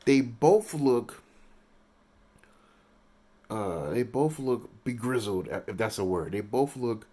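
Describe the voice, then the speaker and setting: A man giving casual, rambling commentary on a TV episode, halting and restarting his sentences and getting excited at big moments. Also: on the low side. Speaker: reaction video host.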